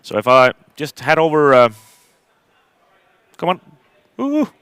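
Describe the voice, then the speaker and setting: A man's voice: on the high side, big pitch swings, slow, a bit bright, clean tone, dry recording. A middle-aged man from Iceland, giving a technical conference talk from a stage, hesitant with many fillers and restarts. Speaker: conference speaker.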